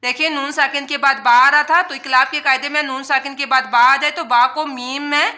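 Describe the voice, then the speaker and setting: A woman teaching Quran recitation word by word, spelling out letters and then chanting each word slowly and drawn out, with quick explanations in between. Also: high-pitched, fairly even intonation, sharp tone. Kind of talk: tajweed lesson, word by word.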